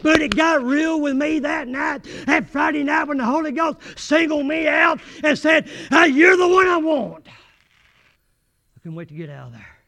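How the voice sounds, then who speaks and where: A man preaching a sermon in church, folksy and rising to shouted fervor. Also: very high-pitched, lively intonation, a little slow, slight background noise. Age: 80s.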